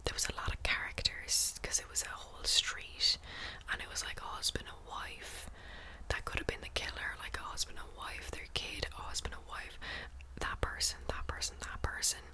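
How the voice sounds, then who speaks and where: A woman whispering ASMR close to the mic in a casual book chat, breathy and unvoiced, softly repeating words and phrases. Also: moderate pace. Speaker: book review vlogger.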